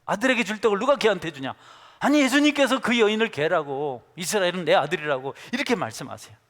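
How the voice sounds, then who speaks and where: A male pastor preaching a sermon, moving between hushed, intimate asides and loud, emphatic passages. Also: high voice, expressive, fast talker. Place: large church sanctuary. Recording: church service with long hall reverb.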